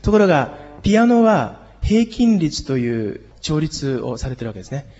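A hoarse man teaching a group singing lesson, explaining harmony and leading the class in exercises. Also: a little high, very animated, moderate pace, dark tone, big-room sound, lo-fi sound. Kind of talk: music lesson.

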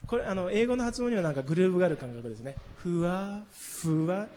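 A man teaching a singing lesson, explaining gently and counting beats aloud in a husky voice. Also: high voice, animated, fast, long reverb tail, slight background noise. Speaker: music teacher.

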